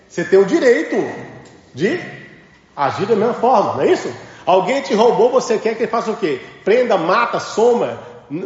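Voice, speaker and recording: A man lectures a religious class in an emphatic, questioning way, his voice high and swinging widely in pitch. The recording is dull and lo-fi, and the sound rings through a large echoing hall with a faint hiss underneath. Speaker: spiritual teacher.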